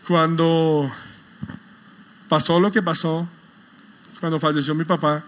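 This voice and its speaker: High-voiced man preaching a sermon. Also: flat delivery, slow, fairly bright tone, a little hiss or hum. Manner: asks the congregation questions, emphatic. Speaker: pastor.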